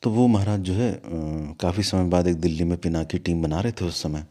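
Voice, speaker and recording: A man's voice: low voice, a little fast. A man who runs an ashram, telling a story in an interview and turning to a scolding lecture. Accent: Hindi, from north India. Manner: animated, scolding at times. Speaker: guru of an ashram.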